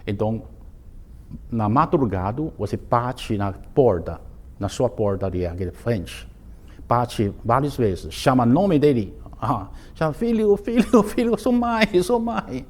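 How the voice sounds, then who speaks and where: Man teaching a course, broken simple grammar, restarts words, pitch jumps up in stories. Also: darkish tone. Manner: simplified non-native grammar with frequent restarts; storytelling with bursts of raised pitch. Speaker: Taoist master teaching a course. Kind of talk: informal spoken lesson.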